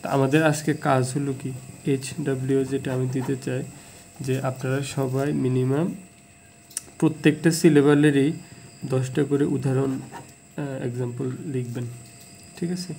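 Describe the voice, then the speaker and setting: A man teaching English in a casual video lesson, plainly repeating example words slowly. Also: medium pitch, steady tone, warm tone, a little hiss or hum, low-quality recording.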